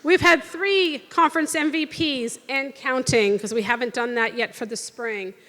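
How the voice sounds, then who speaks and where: A high-voiced woman hosts a school sports awards night, announcing champions and honors in an upbeat way. Her voice rings out through a big echoing hall. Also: normal speed, fairly bright tone. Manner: upbeat, announcing lists with fillers. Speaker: athletic director hosting awards night. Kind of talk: speaking at a podium to an audience. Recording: reverberant hall.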